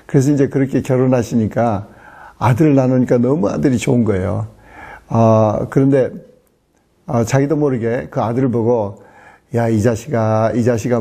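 A middle-aged man with a loud voice preaching a sermon, with many pauses and fillers. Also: mid-range voice, husky. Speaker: missionary preacher.

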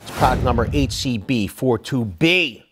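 A man's voice: mid-range voice, normal speed, breathy edge. Chatty man reviewing tools in a workshop. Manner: lively, chatty, excited while testing tools. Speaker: tool reviewer. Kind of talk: casual product review. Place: workshop, indoors.

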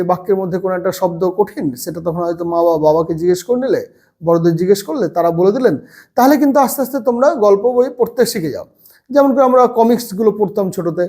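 A man, seated, teaches a children's reading lesson and reads out word lists slowly and patiently. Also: high voice, dark tone. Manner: slow, patient word-by-word drilling. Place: seated at a table.

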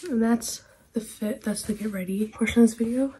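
A young woman chatting casually through a get-ready-with-me vlog at home, laughing often and slipping into soft whispers. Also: fairly high pitch, brisk, slightly rough. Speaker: beauty vlogger.

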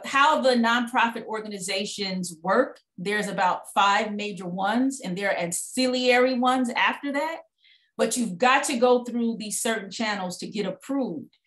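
A woman giving a lively guest talk on a video call, telling stories with laughs and asides. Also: mid-range voice, slow, echoey room. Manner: animated storytelling with laughs and asides. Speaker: guest speaker.

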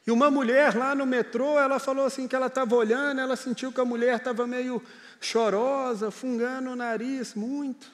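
A male pastor preaches in an earnest, chatty way, telling stories to his listeners. His voice sits very high for a man. It rings out with the long reverb of a church hall. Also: flat delivery, moderate pace. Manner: earnest, conversational storytelling. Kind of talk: sermon.

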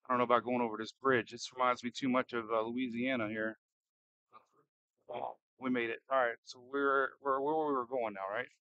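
A man giving casual, excitable live storm-chasing commentary, thinking aloud and firing off questions as he drives. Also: mid-range voice, fairly quick, dry recording, dull audio. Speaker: storm chaser and livestream host. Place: inside a moving car in a storm.

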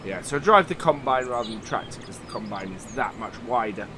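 Fairly quick and expressive, this let's play host has a lowish voice with a slight nasal quality from a cold that's starting. He casually commentates a farming game, musing aloud through lots of fillers, while game vehicle sounds are clearly audible under his voice-over.

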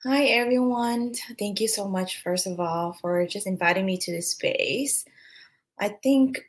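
A woman's voice: medium pitch, unhurried. A young woman from Vietnam, a guest and social worker, speaking heartfelt over a video call.

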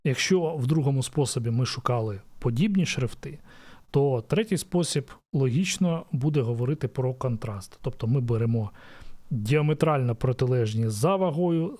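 A man's voice: medium pitch, warm tone. A man explaining a design topic in a casual lesson, thinking aloud with frequent fillers and restarts. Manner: thoughtful, many "e" fillers and restarts. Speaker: design educator.

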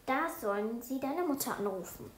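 A woman's voice: a little high, lively intonation, normal speed, natural voice. A woman voicing a strict female schoolteacher who scolds her class, read from a storybook in a raised, stern voice. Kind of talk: storybook reading. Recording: roomy echo.

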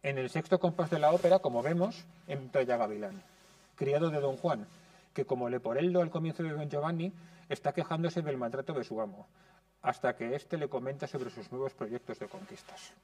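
Mellow-voiced man reading a lecture. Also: medium pitch, distant mic. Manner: measured, explanatory. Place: conservatory classroom.

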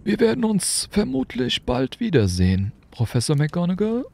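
A man voicing an elderly, calm and wry headmaster wizard, with a measured, gently dry delivery. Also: sits high, vocal fry, voice pushed up, heavily acted.

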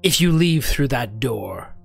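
Haughty devil played by a male game master, deliberate, formal, slow menace for a fantasy game. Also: medium pitch, lively intonation, creaky, slightly rough, voice pushed down, exaggerated voice. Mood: menacing. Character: haughty, menacing pit fiend devil bargaining with adventurers. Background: music.

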